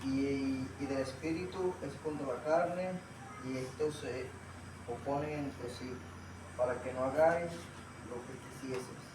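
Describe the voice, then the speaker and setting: A man in a congregation reading a scripture passage aloud at a steady pace, leaning on some words. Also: mid-range voice, a little slow. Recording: echoey room, far from the mic, clear noise.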